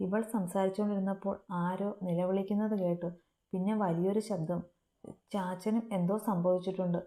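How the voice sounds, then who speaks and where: A woman voicing a frightened, tearful young female student who speaks in shaky, halting bursts. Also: medium pitch, fairly even intonation, warm tone, lightly acted. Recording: roomy echo.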